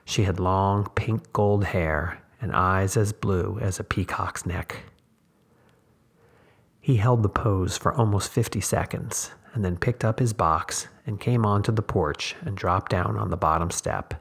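A man who hosts a podcast, reading a short story aloud in a measured, deliberate way. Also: sits low, vocal fry, breathy edge. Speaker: podcast host and narrator. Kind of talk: audiobook reading.

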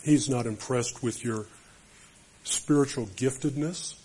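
A man gives an emphatic sermon to men, weaving in stories. His voice is husky and mid-pitched. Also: slow pace, dark tone. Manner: emphatic, storytelling. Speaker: speaker to men.

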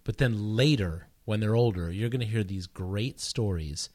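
A middle-aged man co-hosting a podcast in a casual, conversational way, with an animated, joking, playful manner. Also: lowish voice, moderate pace, dry recording. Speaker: podcast co-host.

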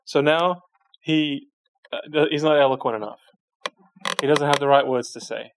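A man with a slightly higher voice gives a Bible teaching from the pulpit. He reads a verse, then unpacks it in an everyday, conversational way, pausing to hunt for chapter and verse. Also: a little hiss or hum. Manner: reads scripture aloud, then explains it in plain conversational terms; frequent restarts while searching for verses. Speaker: preacher.

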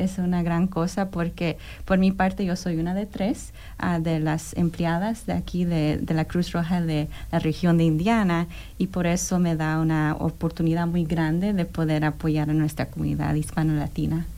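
A young woman from New York, a guest on an interview show, talking in an earnest, measured way with frequent hesitations. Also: lowish voice, little pitch movement, dark tone. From New York, United States. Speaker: guest, disaster program manager. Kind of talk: interview conversation.

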